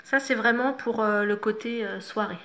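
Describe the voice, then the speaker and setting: Bright-voiced woman giving a makeup tutorial. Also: fairly high pitch, normal speed. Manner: chatty and instructive, self-mocking asides. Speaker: makeup vlogger.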